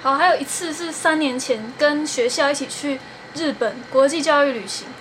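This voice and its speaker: A woman's voice: sits high, moderate pace, a bit bright. A young woman hosting a podcast, telling travel stories in casual chat and laughing often. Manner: giggly storytelling, laughs often. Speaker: podcast host. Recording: faint fan noise.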